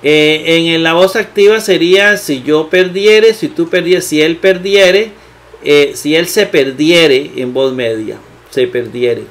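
A man walks through a grammar lesson in a slightly raised voice. He talks unhurriedly, repeating key terms, filling pauses with hesitations and checking in with rhetorical questions. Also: on the high side. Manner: slow, repetitive, with many fillers and rhetorical questions. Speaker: Bible teacher.

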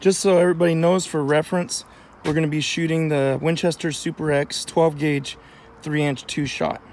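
A man's voice: on the high side, little pitch movement, normal speed, a little mellow. Man explaining shotgun results outdoors. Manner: plain, matter-of-fact explaining. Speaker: channel host. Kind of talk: casual outdoor gear review. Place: outdoor shooting range. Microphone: camera mic at a distance.

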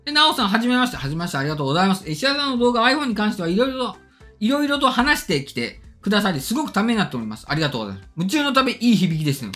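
A man's voice: high-pitched, sing-song, rapid-fire, bright, forceful tone. A middle-aged man chatting casually as a tech channel host, reading and answering viewer comments politely and emphatically, his diction slightly slurred by orthodontic braces. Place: indoor studio or room, seated at desk. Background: faint music.

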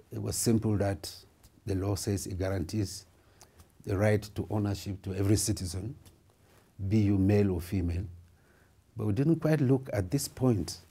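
A man's voice: on the low side, mellow, slightly rough. A middle-aged man from Cameroon, a lawmaker and lawyer, giving formal, reflective interview answers with frequent hesitations in an indoor office. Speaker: member of parliament and lawyer. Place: indoor office with wood paneling.

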